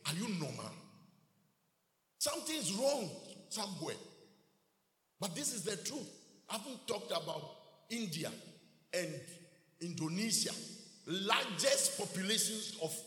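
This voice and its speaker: A man delivers an emphatic sermon, rising and falling in a lively, slightly high voice. He speaks slowly, repeating key words and firing off rhetorical questions. His voice rings through a large, echoing hall. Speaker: preacher. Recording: echoey hall reverb.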